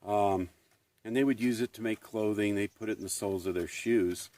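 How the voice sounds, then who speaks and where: A man's voice: on the low side, normal speed, warm tone. A man vlogging casually on an outdoor canyon trail, chatting and explaining plants as he walks. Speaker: hiking vlogger.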